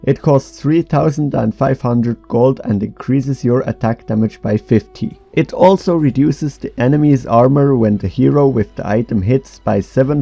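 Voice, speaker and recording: Guy narrating a game guide, lots of vocal fry, mellow tone, faint music under it. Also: medium pitch. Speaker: documentary narrator. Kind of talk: scripted explainer narration. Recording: dull lo-fi mic, faint music.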